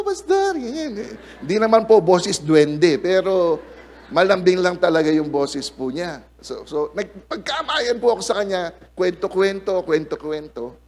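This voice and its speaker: High-voiced man preaching a lively sermon. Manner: lively, calls out to the congregation for amens. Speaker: pastor. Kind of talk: sermon with storytelling. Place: church service before a congregation.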